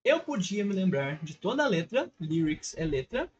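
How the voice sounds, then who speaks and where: An English teacher with a Brazilian Portuguese accent explains a lesson over a screen recording, patiently checking in with short questions all the time. His high voice has big pitch swings and a breathy edge, at normal speed, and the highs are cut off.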